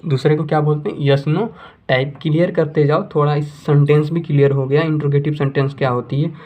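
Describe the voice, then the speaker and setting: A man's voice: on the high side, fairly even intonation, darkish tone. A man whose first language is Hindi, teaching beginner English grammar and repeating points, asking questions and then answering them himself. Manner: repetitive, asks and answers his own questions; slows down to dictate English sentences. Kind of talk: classroom-style lesson for beginners. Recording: tinny phone-like audio.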